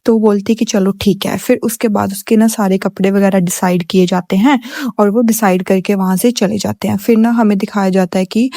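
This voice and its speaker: A woman's voice: medium pitch, steady tone, a little fast, dark tone, dry recording, studio quality. A young woman casually retelling a romance drama, chatty and full of fillers, reading out the characters' lines in her own voice. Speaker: story recap narrator.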